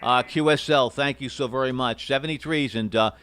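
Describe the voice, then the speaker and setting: A man's voice: mid-range voice, brisk, a bit bright, clear, resonant tone, no room sound. A courteous, hesitant man operating an amateur radio station, spelling out call signs in phonetics.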